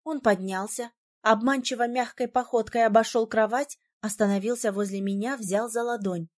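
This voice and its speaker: A woman narrating a fantasy audiobook in the first person with steady, expressive storytelling. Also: a little high, moderate pace.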